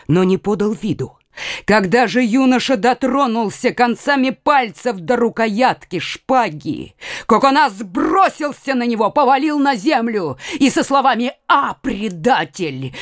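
A woman narrating a historical novel as an expressive, theatrical audiobook reading on a close mic. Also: mid-range voice, no room sound.

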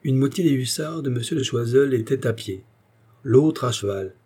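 A man narrating a classic novel as an audiobook, with expressive, theatrical delivery. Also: mid-range voice, moderate pace, slightly rough.

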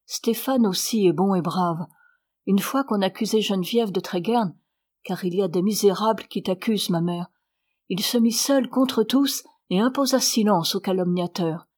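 A woman's voice: mid-range voice, normal speed, a little mellow, natural voice. Woman doing a young noble girl, fervent and pleading, storybook reading. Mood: earnest. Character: earnest young noblewoman, passionate daughter.

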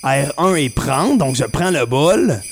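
A man's voice: a little high, animated, slow pace, gravelly, slight background noise. A man with a Québécois accent chatting on the radio about video games, explaining eagerly with frequent hesitations. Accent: Québécois French. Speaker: video game columnist. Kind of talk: casual radio chat.

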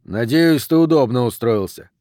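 A man's voice: medium pitch, lively intonation, moderate pace, mellow, no echo, studio quality, natural voice. A man voicing a weary male police lieutenant who speaks in a blunt, exasperated way. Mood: gruff.

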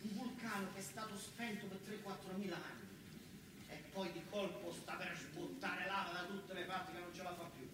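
A high-voiced man with a southern Italian accent speaks at normal speed, performing a stage monologue as an exasperated car-factory worker and young father who is talkative and self-deprecating. He talks colloquially and emphatically, repeating words, in a very echoey, noisy recording made from a distance.

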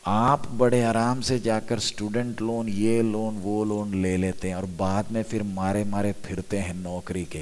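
A man's voice: lowish voice, a little mellow. A man preaching a sermon in at a youth conference, asking the crowd questions and answering them himself. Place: large hall at a youth conference. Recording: long hall reverb.

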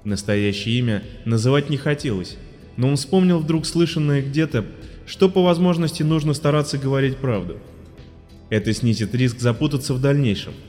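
Guy reading a funny story, mid pitch, reverby with soft music under. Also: moderate pace. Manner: lively, shifts pitch for quoted characters. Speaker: narrator. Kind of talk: audiobook reading, voicing characters. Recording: long reverb, faint music behind.

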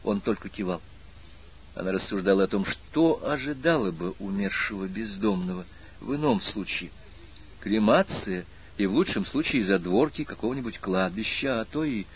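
A man narrating an audiobook in a measured, expressive reading with a husky voice. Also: on the low side, lo-fi sound, a little hiss or hum. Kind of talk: scripted narration.

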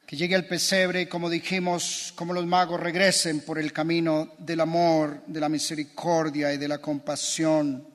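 A man's voice: on the high side, little pitch movement, normal speed, hardly any pauses. A man preaching a sermon as pastor, impassioned and building through repeated phrases. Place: church. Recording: long church reverb.

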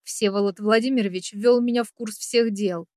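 A woman's voice: mid-range voice, steady tone, moderate pace, mellow, no room sound, clean studio sound, natural voice. A woman voicing a stern male security chief who speaks formally and reassuringly in an audiobook. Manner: strict formal address, reassuring.

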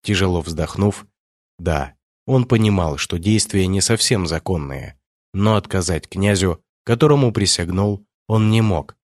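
Low-voiced man reading a novel aloud. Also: lively intonation, unhurried, no room sound, clean studio sound. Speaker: audiobook narrator. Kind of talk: scripted narration.

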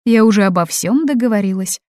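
A woman reading an audiobook, voicing a domineering, controlling middle-aged mother who talks loud and imperious. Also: on the low side, sing-song, moderate pace, no echo, studio quality.

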